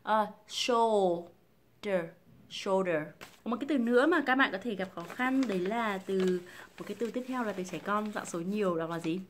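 A woman from Vietnam teaching English pronunciation, explaining patiently and drilling single sounds and words slowly and clearly. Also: medium pitch, a little hiss or hum. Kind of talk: pronunciation lesson.

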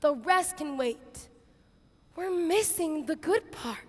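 A young woman plays a harried, exasperated hostess ordering her kitchen about in a stage monologue. The voice is very high and girlish, with exaggerated theatrical intonation and an unhurried, drawn-out pace. It rings in a large auditorium. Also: expressive, soft background music. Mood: resolved. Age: teens to young adult. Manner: exaggerated, theatrical intonation, swinging from hushed asides to shouts. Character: flustered, bossy Martha, harried biblical kitchen hostess, exasperated with sister. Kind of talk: dramatic monologue, expressive stage reading. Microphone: headset.

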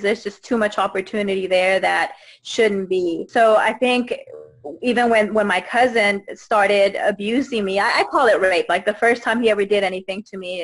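A woman's voice: medium pitch, poor audio. Earnest woman on a video call. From Guatemala. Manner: earnest, halting, many fillers and restarts. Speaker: interview guest. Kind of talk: personal testimony in a video call. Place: indoors, small room. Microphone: video call webcam.

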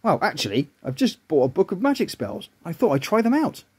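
A man's voice: high-pitched, sing-song, brisk, breathy edge, exaggerated voice. A man voicing an eager young male milk carton who loves magic in a children's story. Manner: earnest, happy.

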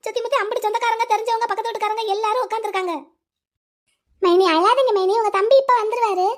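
A woman's voice: very high-pitched, steady tone, quick pace. A woman voicing a chatty, fussing young sister-in-law in a cartoon, with a sing-song, cheeky way of talking. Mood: soothing. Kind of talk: Tamil cartoon voice acting.

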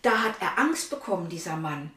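A woman reading a children's story, voicing a shrewd, protective old woman who speaks gravely. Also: fairly low pitch, very animated, brisk, echoey room, distant mic. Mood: earnest. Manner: loud calling, then grave.

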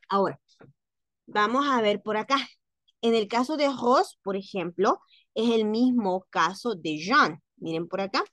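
A woman's voice: medium pitch, a bit bright, no room sound, studio quality. A woman teaching French in a lesson, patiently explaining word forms and repeating each word several times so students can hear it. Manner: slow and patient, repeats words for pronunciation drills.

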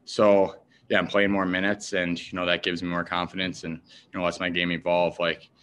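A man's voice: sits low, flat delivery, moderate pace, a bit bright, smooth. A young man, a hockey player, answering post-game questions in a team media room, speaking plainly with many fillers into a desk mic. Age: young adult. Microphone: desk mic in front.

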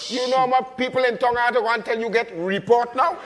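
A man playing a teasing Trinidadian man, high voice. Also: steady tone, fast, in a large hall, noisy background. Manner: teasing, joking, mocking. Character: teasing Trinidadian man meeting his girlfriend. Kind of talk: comedy sketch acting. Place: airport car park outdoors.

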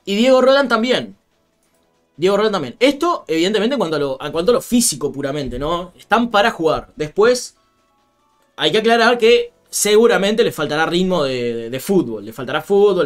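Young Rioplatense-accented male streamer, loose chatty delivery, slightly high pitch, faint music bed. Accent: Rioplatense Spanish. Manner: chatty, laughs often, reads out viewer comments. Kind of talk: casual live-stream football chat.

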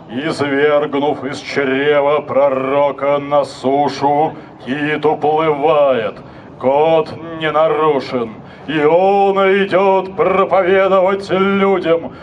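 A middle-aged man reciting poetry as dramatic declamation, with measured, deliberate phrasing and repeated refrains, speaking into a handheld microphone outdoors. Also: fairly high pitch, slight background noise. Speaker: poet reciting at an outdoor reading. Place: outdoor stage area in a forest. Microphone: handheld microphone through speakers, filmed from a distance.

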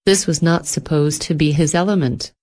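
A woman with a low voice reads a scripted horror story. She tells it in a steady, measured way, with clear phrasing from line to line. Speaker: narrator.

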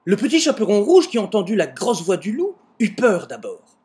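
A man with a high, darkish voice whose pitch swoops wildly tells a fairy tale comically at a moderate pace. He's an amateur video maker recording on a webcam at home in front of a door, with mock-exasperated asides.

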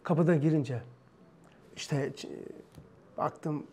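A male religious teacher with a high voice. He tells anecdotes with emphatic, animated delivery and drives points home by repetition. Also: slow, slightly rough. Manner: animated, emphatic retelling with repeated phrases. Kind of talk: storytelling lesson.

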